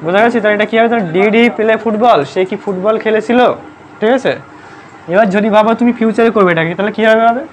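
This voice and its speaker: Brisk classroom grammar teacher, quizzing. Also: medium pitch, steady tone, slight background noise. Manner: quizzes students constantly, checking "understood?"; spells words letter by letter. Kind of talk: live classroom lesson in Bengali. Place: classroom with pupils present.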